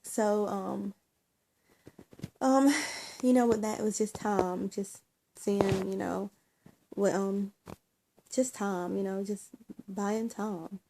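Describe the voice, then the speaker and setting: A woman talking in a casual personal vlog, emotional and teary, halting with many ums and restarts. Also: medium pitch, steady tone, vocal fry, noisy background. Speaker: vlogger.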